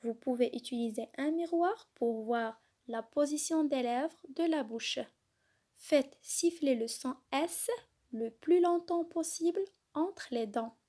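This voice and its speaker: A woman teaching young children to read, spelling out letters and syllables slowly and clearly. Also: high-pitched, warm tone. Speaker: kindergarten teacher. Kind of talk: slow, clearly articulated reading lesson for young children.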